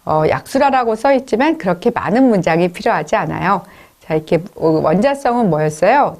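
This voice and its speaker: A woman's voice: medium pitch, a little mellow. A woman professor giving a recorded exam-prep lecture, explaining step by step and asking her students rhetorical questions. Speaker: software engineering professor.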